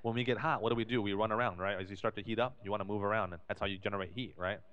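Man with a lowish voice who explains things fast, lots of restarts. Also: fairly even intonation, fairly bright tone. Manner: explanatory, repeats and restarts phrases. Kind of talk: casual podcast talk. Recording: dull lo-fi recording.

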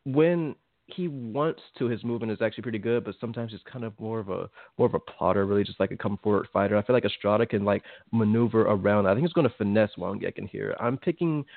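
A man's voice: fairly low pitch, quick pace, creaky, no room sound. A man from Virginia, co-hosting a boxing podcast in a laid-back, conversational way with a neutral General American accent. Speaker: podcast co-host. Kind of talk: casual boxing podcast chat. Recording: tinny phone-like line, dry.

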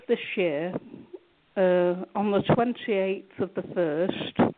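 A woman from England answering interview questions about her art, hesitant, with many fillers and restarts. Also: mid-range voice. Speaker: guest artist. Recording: tinny phone line.

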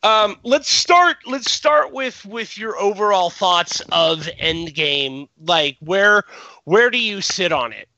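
Rambling high-voiced male podcast host. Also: animated, slow, sharp tone, lo-fi sound. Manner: rambling, many restarts and repeated words. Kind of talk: casual podcast chat.

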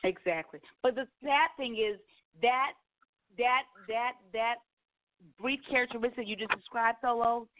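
A woman's voice: on the high side, a little slow. A woman hosting a radio talk show, speaking candidly and casually, repeating points for emphasis. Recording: slightly dull lo-fi audio.

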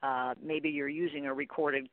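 A middle-aged woman, a guest expert who runs a training company, speaks in a low, level voice at a moderate pace. She answers conversationally, rambling through informal anecdotes and acting out snippets of dialogue. The audio is tinny and dry, like a phone line, with no echo.

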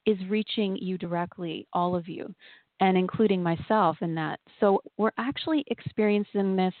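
A woman hosting a spiritual podcast, speaking in a soothing, gentle, unhurried way with pauses, like a guide leading a meditation. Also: medium pitch, no room sound. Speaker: podcast host and channeling healer. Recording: thin phone-like sound.

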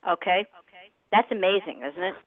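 A woman's voice: mid-range voice, moderate pace. A woman working as a psychic medium, talking casually and directly in short bursts as she gives live readings to callers. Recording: narrow band, phone-like audio.

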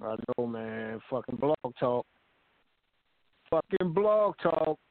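A man's voice: medium pitch, very animated, slow pace, no echo. A man co-hosting a casual internet radio show, talking over a glitchy phone call that keeps breaking up, loose and profane. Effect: glitchy, breaking-up phone call audio. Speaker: co-host.

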